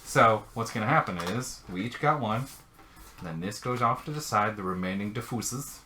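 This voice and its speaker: A man with a bright, clear tone runs through game rules in a loose, joking manner. He is a regular on a board game show, and there is a faint hiss behind him. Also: lowish voice, expressive, moderate pace. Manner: playful, jokey. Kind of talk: casual rules explanation.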